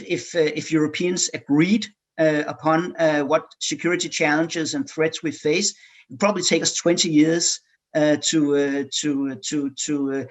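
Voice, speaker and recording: A Danish man takes part as a panelist in a policy discussion, his voice pitched on the high side. He pauses frequently, filling gaps with filler sounds and repeating words.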